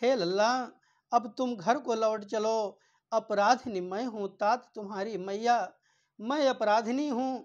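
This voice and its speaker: A man's voice: high voice, a little slow, highs cut off, voice pushed up. A man voicing a remorseful queen mother pleading. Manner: impassioned first-person retelling.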